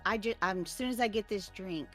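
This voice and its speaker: A woman's voice: mid-range voice, a little fast, a bit bright, soft background music. A woman playing in a tabletop game, talking in a playful, joking way. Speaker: player. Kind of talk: casual tabletop game play.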